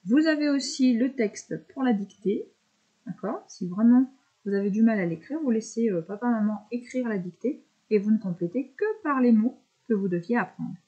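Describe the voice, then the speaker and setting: Patient woman teacher, mellow lo-fi voice. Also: a little high, animated. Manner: slow step-by-step verbalizing, patient. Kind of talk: handwriting lesson for young pupils.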